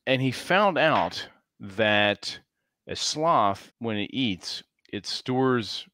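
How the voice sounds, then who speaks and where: A man co-hosting a live stream in casual, profane banter, telling stories with lots of throat-clearing and laughter. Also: medium pitch, very slow, dry recording. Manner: animated storytelling with frequent throat-clearing and laughter.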